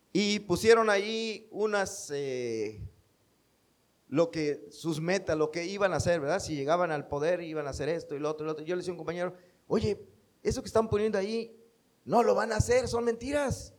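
A man with a Mexican accent preaching a sermon, emphatic and quoting scripture. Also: fairly high pitch. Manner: emphatic, quotes scripture, acts out quoted speech.

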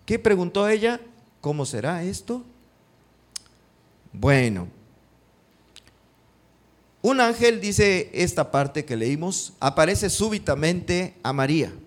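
A man preaches a sermon, reading scripture aloud and repeating its key lines. He keeps turning to the congregation with rhetorical questions. His voice sits on the higher side for a man. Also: big pitch swings, slow pace, long pauses.

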